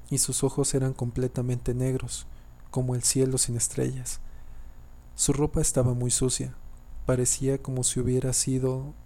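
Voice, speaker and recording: A man's voice: mid-range voice, warm tone. A man narrating a horror story, often stumbling and restarting whole sentences. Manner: reads haltingly, often restarting and repeating sentences.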